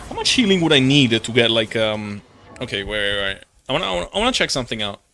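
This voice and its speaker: Soft music plays behind a young man's medium-pitched voice, which is very animated, sharp, and quick. Chatting casually as he plays on a live stream, he rambles, uses slang, swears, and sounds playfully exasperated.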